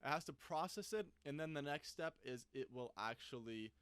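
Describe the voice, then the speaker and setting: Man with a smooth, dry voice. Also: a little high, lively intonation, normal speed, fairly bright tone, no echo. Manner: thinks aloud while clicking, loose and conversational. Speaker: software reviewer. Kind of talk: casual screen-recorded tutorial.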